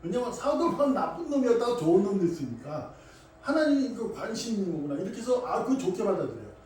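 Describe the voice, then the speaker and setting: A man preaching a conversational sermon as pastor, animated and chatty. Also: high-pitched, fast talker. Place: church sanctuary. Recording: echoey hall, distant mic, faint noise.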